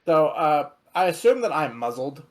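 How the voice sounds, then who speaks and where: Male player, dry casual remarks, slightly high pitch. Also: big pitch swings, normal speed. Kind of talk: casual game chat.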